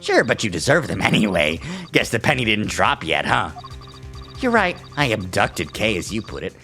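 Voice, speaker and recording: A man voicing a mysterious male caller who disguises himself with a voice changer, speaking in a smug, taunting, drawn-out way. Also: very animated, bright, forceful tone, faint music behind, exaggerated voice. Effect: voice changer disguise, deepened. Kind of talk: let's play character voicing.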